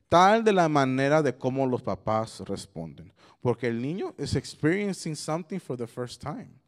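A young adult man giving a youth sermon, switching between Spanish and English and telling stories with lots of animation. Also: fairly high pitch. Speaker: youth pastor.

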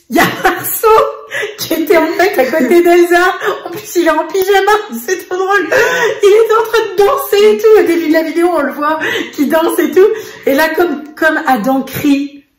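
A woman vlogger and mother in casual chat to a face camera, telling a family story in an animated way with lots of fillers. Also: very high-pitched, moderate pace. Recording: echoey room.

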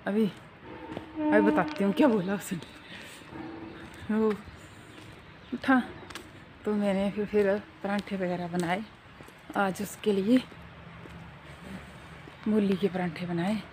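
A middle-aged woman chatting casually as she walks through a park and films a vlog on her phone. She tells stories in an animated way and keeps asking her listeners to agree. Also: mid-range voice, takes it slowly, long pauses, slight background noise. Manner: animated storyteller. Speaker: vlogger and mother. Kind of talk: casual walking vlog chat. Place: outdoor park on a foggy day.

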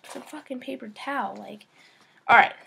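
A woman's voice: a little high, normal speed, vocal fry, background noise. A young woman in her teens making a casual home vlog, chatty and frustrated, swearing often. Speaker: vlogger.

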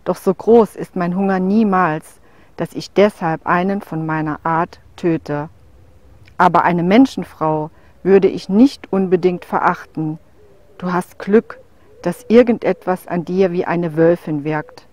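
A woman reading as a gruff, rude young wolf. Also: lowish voice, a little slow, darkish tone, no room sound, natural voice. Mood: scornful. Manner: growling, blunt, scornful.

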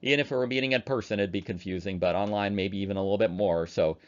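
In a dull, lo-fi recording, a man teaches an online chemistry lecture, chatting casually while he works out calculator problems. He talks fast in a smooth voice that sits on the low side.

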